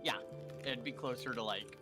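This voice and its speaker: A man's voice: medium pitch, normal speed, over music. A young man playing a co-op game, explaining its mechanics casually and swearing freely. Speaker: co-op gamer. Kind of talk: casual gaming chat.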